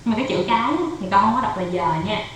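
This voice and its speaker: A woman's voice: medium pitch, rapid-fire. Patient tutor woman, echoey call. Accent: Vietnamese. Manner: patient, repeats and explains step by step, code-switches with English drills. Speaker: English tutor. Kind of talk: online English lesson for a child. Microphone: video call. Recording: echoey room, faint noise.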